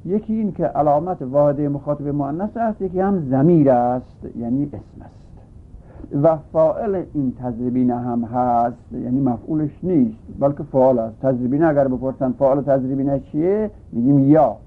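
A man teaches a grammar text in a steady lecture, going back over each point and rephrasing it. His voice is a little husky and sits at an ordinary pitch. The recording is thin and tinny, much like a phone line. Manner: patient, repeats and rephrases points.

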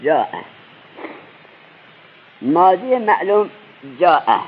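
A male religious teacher giving a seminary grammar lesson, quizzing his students with rapid questions. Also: sits high, big pitch swings, slight background noise. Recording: dull lo-fi recording.

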